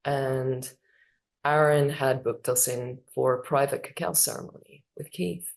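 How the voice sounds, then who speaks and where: A middle-aged woman sharing a personal story at an online memorial ceremony, animated and acting out what people said. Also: very deep voice, unhurried, gravelly. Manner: animated, acts out quoted voices. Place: online video call.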